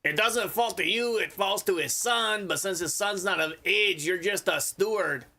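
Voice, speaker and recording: Argumentative male player with a raspy edge and a very bright tone. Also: sits high, normal speed. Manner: argumentative, insistent. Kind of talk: casual tabletop play.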